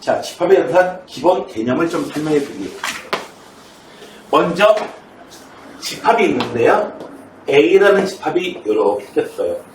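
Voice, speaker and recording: A man's voice: fairly high pitch, big pitch swings, normal speed, pauses often, a little hiss or hum. A middle-aged man teaching math in a classroom and telling a story, chatty and often asking students questions, recorded from a distance in an echoey room. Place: academy classroom in Seoul.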